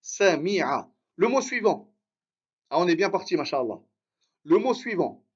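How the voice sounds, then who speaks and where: Man, Arabic teacher, high voice, unhurried, encouraging, dull lo-fi sound. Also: sing-song, husky. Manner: encouraging, repeats and drills syllables slowly. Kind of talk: live online reading lesson.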